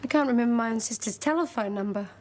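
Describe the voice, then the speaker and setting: A woman's voice: a little high, fast, natural voice. An actress with an Australian accent playing a young female country police constable in a television police drama. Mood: distraught. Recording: TV soundtrack with music underneath.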